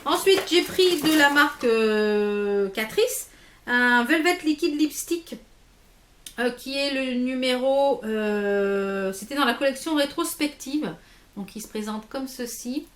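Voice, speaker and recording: A woman's voice: high-pitched, animated, slow pace, a bit bright, roomy sound. A woman chatting casually through a beauty haul, with many fillers and restarts. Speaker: beauty vlogger. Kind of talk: casual haul video chat.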